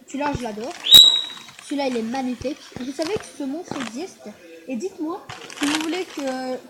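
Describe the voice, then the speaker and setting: High-voiced chatty woman, noisy recording. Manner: chatty, excitable, rambling with fillers. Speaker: gaming vlogger. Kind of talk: casual screen-recorded commentary.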